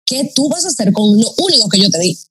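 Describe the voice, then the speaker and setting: A woman's voice: a little high, sing-song, quick pace, a little hiss or hum, poor audio. A woman from the Dominican Republic with a Dominican Spanish accent, an entrepreneurship mentor and podcast guest telling her own story and acting out her inner dialogue. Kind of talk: podcast conversation, personal storytelling.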